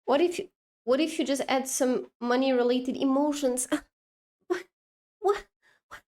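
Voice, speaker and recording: High-voiced, slow-talking woman streamer. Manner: rambling, self-interrupting, excitable. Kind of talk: casual stream chat while drawing.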